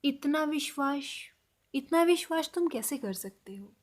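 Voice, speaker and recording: A woman teaching a spoken language lesson, slowly repeating example phrases for learners. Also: high voice, expressive.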